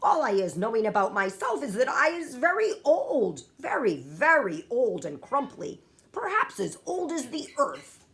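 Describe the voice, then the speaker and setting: A woman voicing a very old, friendly male giant in a children's storybook, indignant and grand, with muddled grammar and emphatic drawn-out words. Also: a little high, very animated, fairly bright tone, voice pushed up, full character voice.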